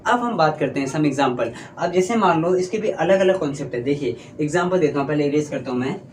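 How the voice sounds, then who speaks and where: A man teaching grammar in a classroom, explaining slowly and answering his own questions. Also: a little high, lively intonation, a little hiss or hum. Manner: explains slowly, drags out example sentences word by word; asks questions and answers them himself. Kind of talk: classroom lesson. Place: classroom at a board.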